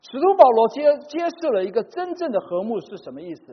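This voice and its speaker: A man preaching a sermon in short phrases, pausing for an interpreter. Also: extremely high pitch, big pitch swings, husky. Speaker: pastor. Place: church hall. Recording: dull recording in a reverberant hall.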